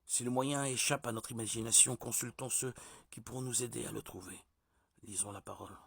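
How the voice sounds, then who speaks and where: Gravelly, husky man teaching scripture. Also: mid-range voice, steady tone, fairly quick, a bit bright, dry recording, clean studio sound. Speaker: preacher. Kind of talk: reflective religious teaching.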